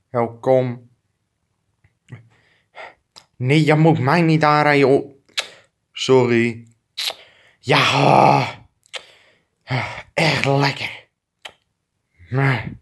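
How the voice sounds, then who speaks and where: A man improvising a comic fan dub of two clumsy adult male neighbors who bicker, trading crude insults and swearing. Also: medium pitch. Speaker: fan dubber.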